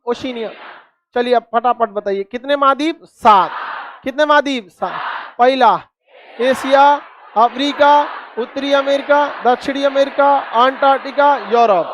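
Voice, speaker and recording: A man's voice: very high voice, fairly bright tone, a little hiss or hum. A man teaching a class, quizzing students with repeated questions and cracking jokes. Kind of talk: classroom lecture with call-and-response.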